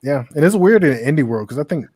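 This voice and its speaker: A man co-hosting a casual livestream chat, talking in quick bursts with lots of restarts and laughs. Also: fairly high pitch, husky, no echo. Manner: animated, stumbling restarts, laughs often. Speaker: podcast co-host.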